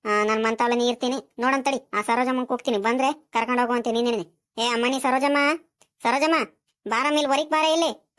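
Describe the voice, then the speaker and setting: Woman doing a old village granny, quick chatty coaxing talk. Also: mid-range voice, a bit bright, lightly acted. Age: older. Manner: chatty, coaxing, drawn-out fillers. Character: elderly village grandmother, kindly and talkative. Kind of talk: cartoon voice acting.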